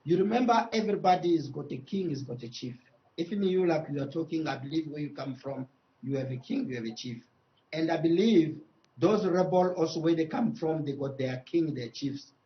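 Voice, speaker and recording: This Congolese-accented man takes the role of a traditional leader for a news interview, forceful in tone, with halting delivery and phrases said more than once. The pitch runs on the high side and the audio sounds dull.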